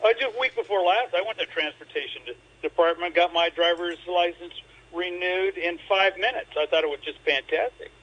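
Guy calling into a radio show, clipped phone line, kinda high, keeps restarting mid sentence. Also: moderate pace, fairly bright tone. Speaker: caller. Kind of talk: casual phone-in chat. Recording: muffled phone call on radio.

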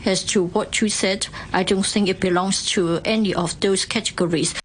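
A woman interpreter giving a simultaneous translation voice-over, measured with small hesitant fillers. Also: medium pitch, steady tone, slight background noise, poor audio. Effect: translation voice-over of a speaker. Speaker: legislature interpreter.

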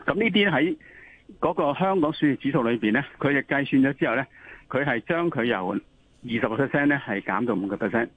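A man's voice: medium pitch, animated, a little fast. Tinny phone line, faint noise, man, Hong Kong Cantonese accent, expert guest, didactic explanations. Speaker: interview guest, occupational health expert. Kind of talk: explanatory interview answers. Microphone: telephone call.

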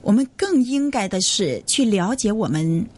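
A woman's voice: medium pitch, animated, moderate pace, darkish tone, husky. A woman language teacher explaining her course earnestly in an interview. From Hong Kong.

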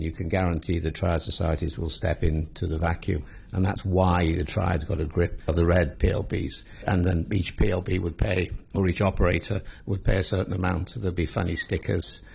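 A man in his sixties from England, a former police commander, answering interview questions in a measured way with dry, understated humour. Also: low-pitched, creaky, a little mellow, husky.

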